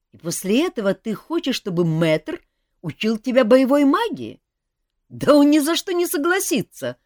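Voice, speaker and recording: A woman's voice: on the high side, a little mellow, dry recording, clean studio sound, voice pushed up. A woman voicing a male royal jester who talks bluntly and teasingly.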